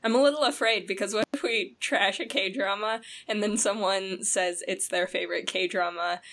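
A woman co-hosting a podcast in casual chat, rambling and animated with lots of fillers. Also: mid-range voice, normal speed. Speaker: podcast co-host.

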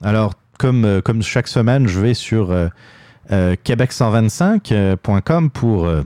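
A man's voice: fairly low pitch, animated, unhurried, mellow, no echo, studio quality. A man with a Québécois French accent hosting a political commentary show, talking in a hesitant monologue full of fillers and restarts. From Quebec. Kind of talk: opinion monologue.

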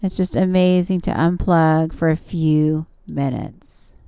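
A woman's voice: low voice, fairly even intonation, takes it slowly, warm tone, clean tone, no room sound, clean studio sound. A woman yoga instructor leading guided stretching and relaxation in a soothing, encouraging manner. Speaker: yoga instructor and show host.

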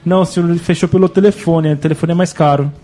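A man's voice: on the high side, steady tone, fast talker, dark tone. A man joking along in a casual chat.

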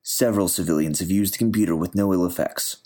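Man doing a male general, low voice, brisk, curt, matter-of-fact. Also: dark tone.

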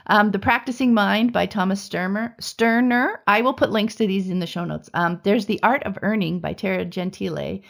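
A woman podcast co-host chatting casually. She rambles, circling back and restarting her sentences. She leans on "you know" and "um" as she talks at an ordinary middle pitch. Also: normal speed, vocal fry, hardly any pauses.

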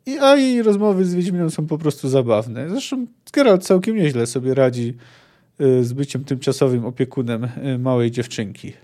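A man hosts a fantasy book podcast in a casual, thoughtful monologue, often pausing on hesitant fillers. His voice is mellow and warm, sitting at an ordinary pitch for a man. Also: lively intonation. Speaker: podcast host reviewing fantasy books.

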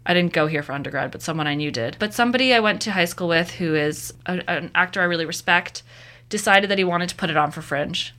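A woman's voice: fairly low pitch, fast talker, sharp tone. A woman in her thirties, a PhD student and playwright, chatting as a radio guest, saying "like" often and laughing easily. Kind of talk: casual interview chat. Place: campus radio studio.

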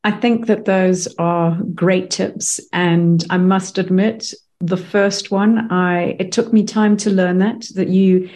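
Measured woman hosting an interview. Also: on the low side, warm tone. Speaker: interview host. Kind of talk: interview questions.

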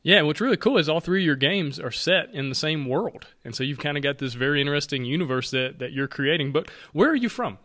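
A man hosting a podcast interview, talking in an upbeat, friendly way and asking quick questions. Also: fairly high pitch, expressive, bright, forceful tone. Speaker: podcast host. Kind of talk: casual interview chat.

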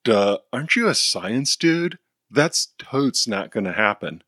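A man's voice: medium pitch, very animated, a little slow, pushed and bright, no echo, clean studio sound, full character voice. A man doing a sassy slangy superhero girl. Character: brash slangy superhero woman.

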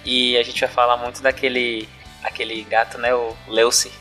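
A man's voice: medium pitch, flat delivery, normal speed, pushed and bright, soft background music. A man with a Bahian Brazilian accent, explaining conversationally as a podcast panelist. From Salvador, Bahia, Brazil.

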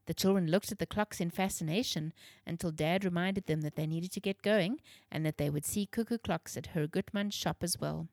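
A woman narrating a children's storybook in a clear, measured reading. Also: fairly low pitch, a little mellow, dry recording, studio quality.

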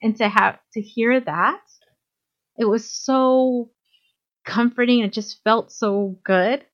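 A woman's voice: fairly high pitch, steady tone, slow pace. A woman in casual chat as a podcast co-host, talking enthusiastically with lots of fillers. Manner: enthusiastic, chatty, many fillers. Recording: dull lo-fi sound.

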